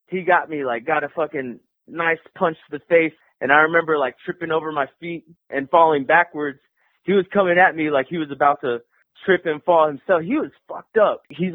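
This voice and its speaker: A man, a graffiti artist guest, telling stories in a casual interview, animated and swearing freely. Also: fairly high pitch, no echo. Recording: tinny phone-like line, dry.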